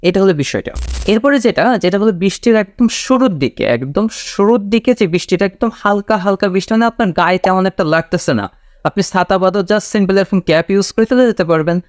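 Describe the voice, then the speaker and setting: A man teaching English vocabulary in a casual spoken lesson, explaining slowly, repeating key words and checking in with "okay?". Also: sits high, expressive, no room sound, clean studio sound.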